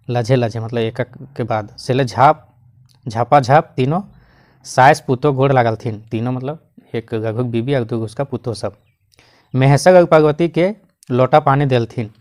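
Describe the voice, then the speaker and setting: Guy teaching a text, reads a dialect line then explains it, coughs and clears his throat a lot, normal pitch.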